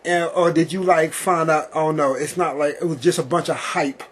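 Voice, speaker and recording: A man hosting a talk show, asking long-winded questions he keeps rephrasing and answering with steady okays and yeses. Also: a little high, normal speed, husky. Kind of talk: casual interview.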